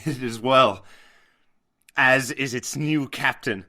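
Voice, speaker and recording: In an audio drama, an actor plays a devoted, honest young sailor son, speaking earnestly and measuredly with gratitude. His male voice is medium in pitch, bright, and forceful.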